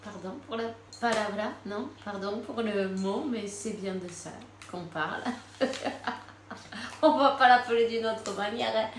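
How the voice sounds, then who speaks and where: A woman's voice: medium pitch, unhurried, reverberant, slight background noise. A woman giving a casual spiritual card reading, chatting freely, laughing often and using many fillers. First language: Spanish. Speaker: tarot card reader.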